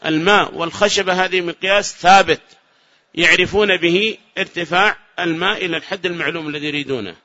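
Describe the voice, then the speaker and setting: A man teaching a classroom grammar lesson. He asks the class questions, answers them himself, and repeats the key phrases slowly. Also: high voice, pushed and bright. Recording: dull lo-fi lecture recording.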